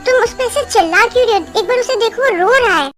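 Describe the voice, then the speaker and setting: A woman voicing a gentle young man who tries to calm a family quarrel, in a fan dub drama. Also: very high voice, fast talker. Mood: urging. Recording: background music under voice. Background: music.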